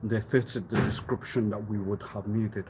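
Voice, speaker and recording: A man rambling through a live stream monologue, swinging between loud outbursts and low muttering, often laughing and clearing his throat. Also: steady tone, moderate pace, a little hiss or hum. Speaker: livestreamer.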